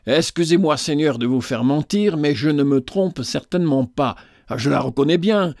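An agitated, vengeful soldier sergeant, played by a male reader, his voice pitched well up and pushed hard. He talks vehemently, dry and close. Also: normal speed, no room sound. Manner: excited, vehement. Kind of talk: storybook reading.

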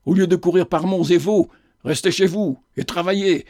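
A man voicing a stern, respectable gentleman who reproves indignantly. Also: high voice, normal speed, no room sound, clean studio sound, close to an everyday voice.

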